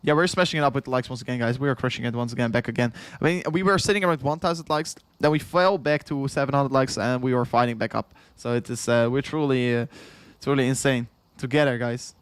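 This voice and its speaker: A young Dutch man with a Dutch accent hosts a long, casual crypto livestream, talking fast at medium pitch with hardly any pauses in a clean tone on a dry recording. After hours on air he's tired, rambling and repeating himself, chuckling often and reading the chat aloud.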